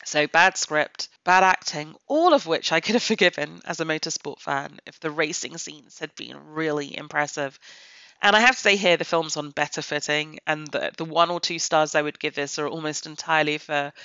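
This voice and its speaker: Blunt, bright-voiced woman reviewing films. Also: low voice, moderate pace, clear, resonant tone, dry recording. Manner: blunt, opinionated critique. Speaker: film reviewer. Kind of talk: solo film review podcast. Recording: slightly dull, dry podcast audio.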